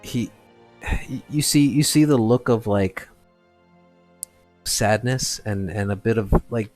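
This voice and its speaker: A man narrates a tabletop game as game master in a low voice. He talks in a halting, filler-heavy way. Soft music sits quietly behind him.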